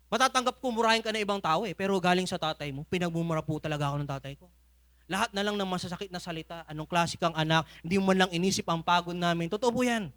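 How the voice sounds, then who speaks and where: His voice sits high and sounds a bit bright as he preaches at a church service. The Filipino-accented man spins humorous stories and breaks into laughter often.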